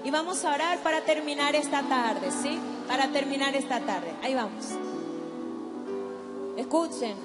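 Music sounds clearly under the long reverb of a big hall as a Paraguayan woman with a high, lively-intoned voice leads testimony and prayer at a youth event. Emphatic with her live audience, she directs the crowd and drags out her words for dramatic effect.

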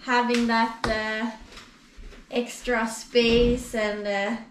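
A woman's voice: a little high, little pitch movement, drawn-out words, a little hiss or hum. A woman in her thirties from Sweden, talking casually and unhurriedly at a kitchen table in a family sailing vlog. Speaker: sailing vlogger. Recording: echoey kitchen with clinking dishes.

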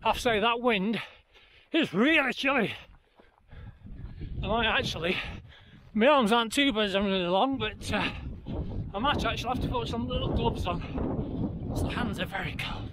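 A man's voice: high-pitched, moderate pace, pauses often. A middle-aged man talking casually to a handheld camera while jogging on an open mountainside, giving running commentary. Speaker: running vlogger. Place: outdoors on a windy open mountainside. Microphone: handheld camera at arm's length. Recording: loud wind and outdoor noise.

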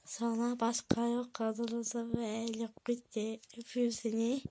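A woman vlogging casually to her viewers, chatty and excitable, giggling often. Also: fairly high pitch, unhurried, noisy background. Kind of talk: casual vlog chat to viewers.

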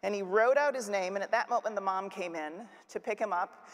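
A woman's voice: medium pitch, brisk. A woman giving a conference keynote talk, conversational, with fillers and restarts, on a large stage. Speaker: keynote speaker. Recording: hall reverb.

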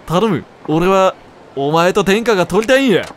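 A man's voice: sits high, expressive, normal speed, a little hiss or hum, pitched above the performer's own voice. A man voicing a hot-blooded young male comedian, raising his voice and imitating Kansai dialect. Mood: pleading.

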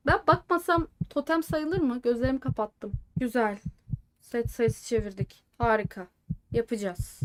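A woman streamer chatting live to her viewers while watching a match, with excitable reactions and joking asides that mix in English words. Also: on the high side, a little hiss or hum. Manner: excitable, swings between joking chatter and anxious outbursts.

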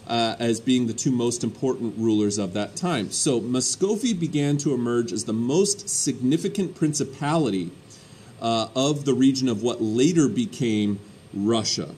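A male history teacher giving a recorded lecture in a conversational way, often pausing with ums and uhs. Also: mid-range voice, a little mellow, a little hiss or hum.

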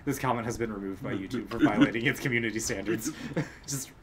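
A man's voice: fairly low pitch, quick pace, crowd noise. A man providing casual commentary alongside a streamer, riffing wryly on absurd ideas. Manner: wry, riffing on absurd bits. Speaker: co-host commentator.

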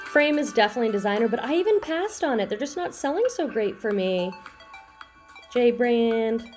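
Her voice is a little high and sing-song, darkish in tone, moving at a moderate pace with faint music in the background. This middle-aged woman from the Boston area, whose faint accent marks a few words, is a reselling vlogger eagerly chatting through her latest thrift clothing haul.

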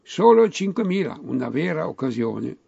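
A man acts out a tall, polite saleswoman in a comic tale in dialect. The patter is courteous and relentless, product after product. The voice is creaky, on a slightly dull recording. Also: sing-song, moderate pace, dark tone, no room sound, heavily acted. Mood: insistent, courteous. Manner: polite, recites product lists like a sales pitch. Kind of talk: comic storytelling, acted dialogue.

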